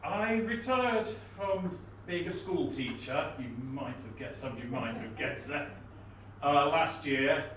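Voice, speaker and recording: A man's voice: on the high side, slow pace, a bit bright. A man, answering panel questions in an articulate, wry, self-deprecating way. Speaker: town crier candidate, retired teacher. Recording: very echoey hall, distant mic, faint noise.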